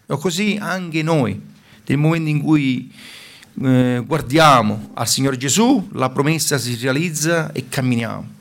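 A man's voice: mid-range voice, a little slow. A man preaching a sermon in a fervent way, stopping now and then to restart a word.

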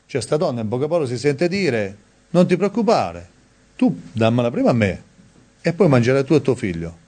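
A man's voice: very animated, fairly quick, dark tone. Emphatic Italian-speaking man preaching. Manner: emphatic, rising to high-pitched stress on key words; conversational asides, reads scripture aloud. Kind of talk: sermon.

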